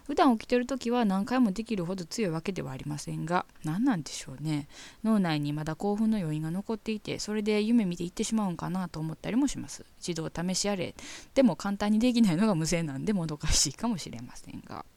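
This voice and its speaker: A woman's voice: on the low side, lively intonation, fast, vocal fry, darkish tone. A woman with a Kansai accent hosting a show, chatting frankly and reading listener letters aloud, often breaking into giggles. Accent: Kansai Japanese. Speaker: radio host reading listener mail.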